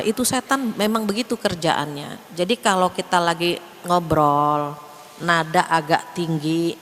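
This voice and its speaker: A woman's voice: lowish voice, long reverb tail, a little hiss or hum. A woman preacher giving a casual religious lecture in a chatty way, acting out bits of everyday talk. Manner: chatty, acts out quoted speech in lively voices. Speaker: female Islamic preacher.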